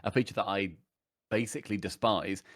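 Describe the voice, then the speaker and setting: A young British man, a podcast guest, telling stories in a rambling, animated way with lots of fillers. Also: on the low side, a little fast, no room sound, studio quality. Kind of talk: casual podcast chat.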